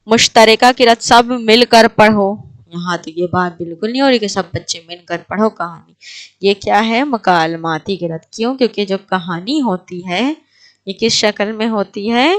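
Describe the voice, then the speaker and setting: A woman teaching an exam prep lecture, asking her class questions and then answering them herself. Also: mid-range voice.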